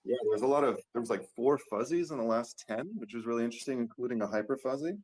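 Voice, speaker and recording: A man hosting a live audio call, relaxed and upbeat, talking with easy fillers. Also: mid-range voice, fast talker. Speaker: community host. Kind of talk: casual live audio chat. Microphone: computer or phone on a live audio call.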